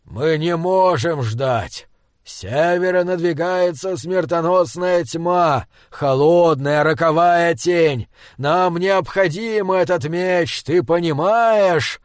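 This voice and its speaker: A man's voice: a little high, clean tone, no echo, clean studio sound. A man doing a stern cold northern elder. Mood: grave. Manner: firm, cold, slow and weighty.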